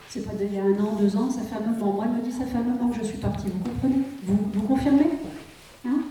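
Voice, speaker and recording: A woman's voice: a little high, dark tone, distant mic, a little hiss or hum. A woman medium giving a live reading to an audience, checking in constantly with "hein" and "vous comprenez". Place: conference hall before an audience. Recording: roomy hall, voice from afar.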